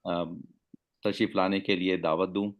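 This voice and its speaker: A man moderating an online class, courteous and formal, pausing often with fillers on a video call. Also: deep voice, level tone, lo-fi sound.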